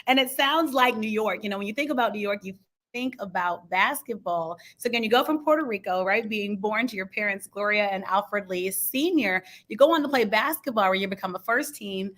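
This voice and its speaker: A woman's voice: mid-range voice, a little fast, a bit bright. A woman hosting a sports talk radio show, asking an interview guest questions with enthusiasm.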